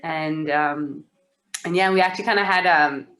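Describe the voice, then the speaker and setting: A woman's voice: low-pitched, moderate pace. Easygoing Canadian-raised woman singer. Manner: easygoing, animated when retelling, slight stammer on restarts. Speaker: singer-songwriter. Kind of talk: casual interview chat.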